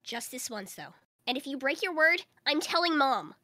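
Very high-pitched indignant little girl. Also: sing-song, moderate pace, pushed and bright, no room sound, studio quality, full character voice. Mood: bossy. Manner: whiny, bossy, sulky. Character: indignant, stubborn little sister who wants adventures. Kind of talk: acted role in a Minecraft roleplay.

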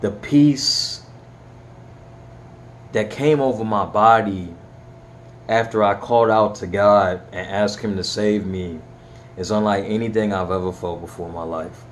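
A man's voice: on the low side, steady tone, unhurried, long pauses, slight background noise. A young man earnestly telling his personal faith story in a heartfelt, rambling way, his voice cracking at times. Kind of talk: personal testimony vlog.

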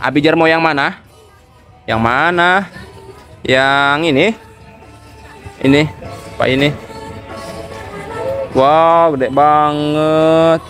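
Young father, casual phone vlog, patient and teasing with a toddler, slightly high voice, soft music bed. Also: fairly even intonation, drawn-out words, pauses often. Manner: coaxing, playful, repeats himself to a small child. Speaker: father filming his son. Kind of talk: casual family vlog narration. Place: shop and street outdoors.

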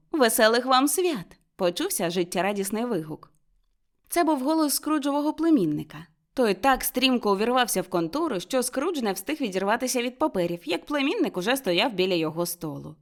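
A woman narrating an audiobook as an expressive storyteller. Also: medium pitch. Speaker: audiobook reader.

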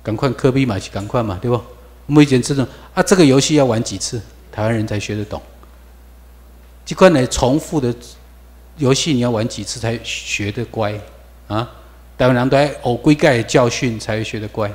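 A man's voice: mid-range voice, brisk. Emphatic Taiwanese-accented male lecturer. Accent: Taiwanese Mandarin. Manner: emphatic, fires rhetorical questions, drills students on vocabulary. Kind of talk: classroom lecture. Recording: long reverb lecture hall.

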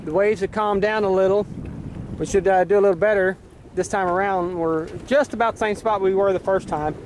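A man giving a relaxed, casual fishing how-to while out on a pontoon boat, filled with uhs. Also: high-pitched, a little fast. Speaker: fishing vlogger. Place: pontoon boat on a windy lake, outdoors. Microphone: handheld camera mic. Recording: heavy wind and boat noise on mic.

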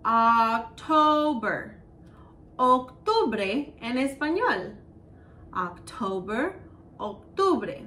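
A woman teaching children in a bilingual lesson, repeating each word slowly in a sing-song way. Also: high voice, roomy sound, recorded from a distance, a little hiss or hum. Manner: slow, sing-song repetition of words for children.

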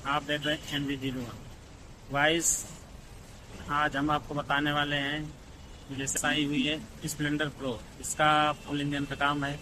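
A young male mechanic with a fairly high, bright, forceful voice talks through engine parts one by one in a casual how-to vlog. He keeps addressing his viewers as "guys" and speaks into a phone held close, outdoors in front of a shop with faint street noise behind him. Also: monotone, unhurried, rough recording. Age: young adult. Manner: explains step by step, often saying "guys" and "jaise ki". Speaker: motorcycle mechanic.

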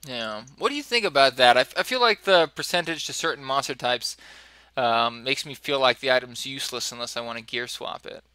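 A man co-hosting a podcast, chatting casually about listener-sent game items in a relaxed way. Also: mid-range voice, fairly quick, smooth, no echo. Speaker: podcast co-host. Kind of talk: casual gaming chat.

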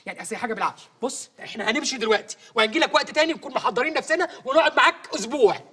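A flustered Egyptian guest. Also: male voice, very high voice, animated, racing, pushed and bright, heavily acted. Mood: pleading. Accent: Egyptian Arabic. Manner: pleading, protesting, flustered. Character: stuffed male guest Ashraf, trying to leave. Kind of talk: comedy sketch acting.

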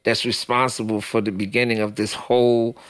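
Speaking fairly quickly in a lowish, level, slightly bright voice, a man from Haiti appears as a guest in a small podcast studio. Into a studio mic on a boom, he talks passionately, profanely and preachily in a casual interview, with a dry recording.

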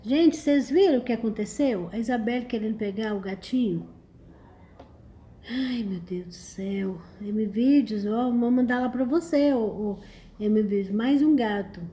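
This livestream host, a woman with a Brazilian Portuguese accent, reads comments and greets and teases viewers in a chatty, exclamatory manner. Her voice is fairly high and dark-toned, a little slow, with some hiss or hum.

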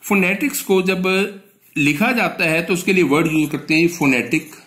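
A man's voice: fairly high pitch, normal speed, fairly bright tone, reverberant. Teacher posing and answering his own questions. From northern India. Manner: asks questions and answers them himself; addresses the students with a polite "ji". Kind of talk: exam-prep lesson.

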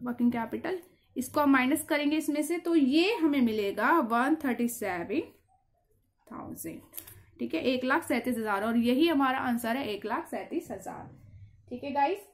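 Female tutor with a high voice and a patient, step-by-step lecturing manner. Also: moderate pace. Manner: explains patiently, checks in with "theek hai". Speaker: commerce teacher.

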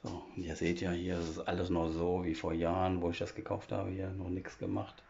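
Deep gravelly guy showing off his house on his phone, chatty, kinda muffled lo-fi sound. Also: flat delivery, brisk, dark tone, a little hiss or hum. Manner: chatty, explains things step by step with many fillers. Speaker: vlogger giving a home tour. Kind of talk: casual walkthrough chat. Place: old half-timbered house, indoors. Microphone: phone camera held while walking.

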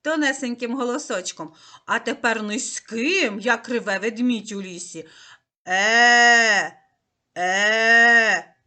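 A woman teaching a lesson to small children in a slow, coaxing, sing-song way. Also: a little high, a bit bright. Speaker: preschool teacher.

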